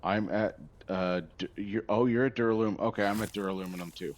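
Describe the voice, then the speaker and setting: A man's voice: fairly low pitch, fairly even intonation, a little fast. A man streaming a survival game, chatting casually and rambling, easily sidetracked while talking to a viewer. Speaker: gaming streamer. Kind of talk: casual livestream chat.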